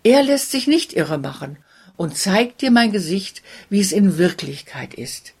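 Woman reading sad cursed princess, soft and breathy, slow. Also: fairly low pitch, animated, full character voice. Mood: sorrowful. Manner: soft, sorrowful, partly whispered.

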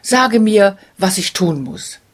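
A woman voicing a fearless young man in a fairy tale, earnest and indignant, in a slow breathy voice. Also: medium pitch, expressive. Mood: determined.

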